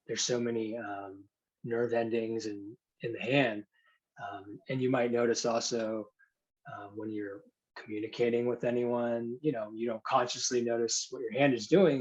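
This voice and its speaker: A man speaking as a hypnotherapist, giving soothing, unhurried, gentle instructions in guided hypnosis and explanation. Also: medium pitch, level tone, highs cut off. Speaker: hypnotherapist demonstrating a hand induction.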